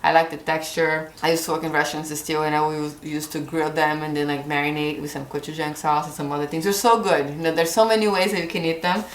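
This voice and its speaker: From the kitchen corner of her home, a gardening vlogger in her thirties talks chattily about what she'll plant, holding up seed packets as she gestures. She has a Brazilian Portuguese accent and a low, level voice, speaking fast with almost no pauses; the room echoes and there's a little hiss or hum.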